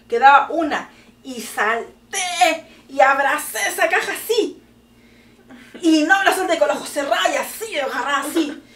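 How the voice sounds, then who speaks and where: A middle-aged woman with a Chilean accent, telling a story to her daughter in casual chat, animated and laughing often. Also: sits high, far from the mic, a little hiss or hum. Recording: echoey room, voice from off the mic.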